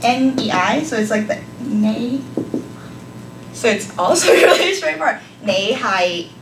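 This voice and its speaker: Unhurried and a little high-pitched, this volunteer language teacher speaks with lively intonation, often pausing with ums and light laughs. She is a young Hong Kong woman whose native tongue is Cantonese, teaching live in class. The distant camera captures an echoey, noisy room.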